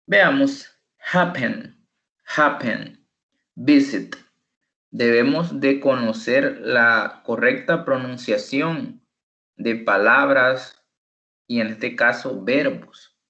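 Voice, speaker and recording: Slow, deliberate male tutor in echoey room. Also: medium pitch, pushed and bright, muffled recording. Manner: slow, deliberate, repeats words for pronunciation drills. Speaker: English tutor. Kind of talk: online class teaching. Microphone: computer microphone.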